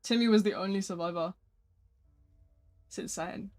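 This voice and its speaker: A mid-range, flat-sounding voice belongs to a streamer casually replying to chat during a live gaming session. The pace is moderate.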